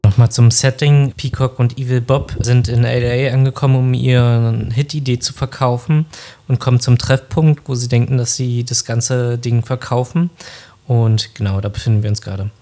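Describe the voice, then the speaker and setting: A man hosting a book podcast, reading a novel aloud in a plain, steady manner. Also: mid-range voice, moderate pace.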